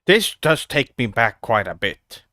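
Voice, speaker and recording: Man, streamer, casual amused reaction talk, slow, very animated pitch. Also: no echo, clean studio sound. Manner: amused, chuckling, slow and relaxed. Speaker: streamer reacting to old videos.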